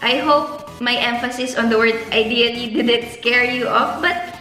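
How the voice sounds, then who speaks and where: A young Filipino woman from the Philippines, a graduate student, gives casual, earnest vlog advice in a Filipino accent, stretching words for emphasis. Her voice is a little high, pushed and bright, with fairly even intonation and an unhurried pace. The room is echoey, with faint music behind her.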